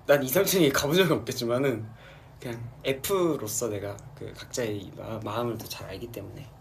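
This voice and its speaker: A man's voice: normal speed, gravelly, slight background noise. A man in his twenties chatting casually on a livestream, telling stories and acting out fans in squealing voices. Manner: animated, acts out fans' voices in high squeals. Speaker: idol livestream host. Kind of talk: casual chat. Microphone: phone or camera livestream.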